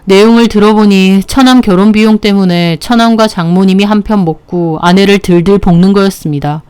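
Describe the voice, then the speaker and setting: Woman reading out a dramatic story calmly, smooth clear voice. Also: medium pitch, fairly quick. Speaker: story channel narrator. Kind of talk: first-person story narration.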